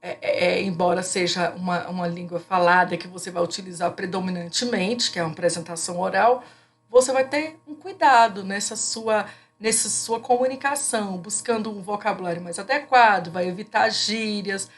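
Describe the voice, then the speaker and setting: A woman's voice: mid-range voice, moderate pace. Woman teaching with frequent restarts. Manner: explanatory, many fillers and restarts. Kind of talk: recorded class lecture.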